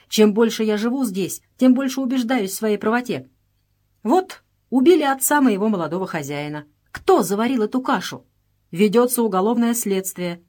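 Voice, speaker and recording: A woman's voice: fairly high pitch, mellow, voice pushed up. A woman voicing a grumbling English servant man who complains indignantly and pleads in a storybook reading.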